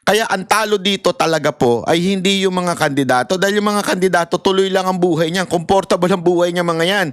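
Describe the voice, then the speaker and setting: A man's voice: sits high, a little fast, hardly any pauses, a bit bright, clear, resonant tone, no echo, studio quality, faint music behind. A man in impassioned political commentary, ranting and mocking, with laughs and acted-out voices. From Philippines.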